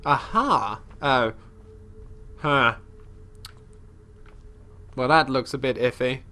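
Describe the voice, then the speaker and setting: Drawing out his words, this man has a medium-pitched, bright voice and a forceful tone. He sounds congested as he casually plays a fantasy game for a let's play, describing his character in third person. His commentary wanders, with many restarted sentences.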